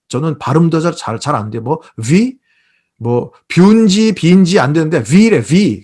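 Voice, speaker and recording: A male pastor giving an online Bible lecture, telling a story in an animated way and acting out the characters. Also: mid-range voice. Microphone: video call.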